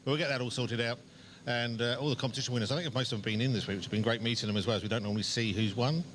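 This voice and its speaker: Rapid-fire male radio host. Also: medium pitch, steady tone, fairly bright tone, slight background noise. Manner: brisk, chatty, upbeat. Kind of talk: live radio chat.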